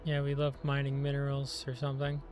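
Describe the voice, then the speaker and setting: Here a native English-speaking man streams himself gaming, his mid-range voice fairly quick, slightly mellow and totally flat. Running on almost no sleep, he chats and wanders from point to point, leaning hard on "like" and other filler words.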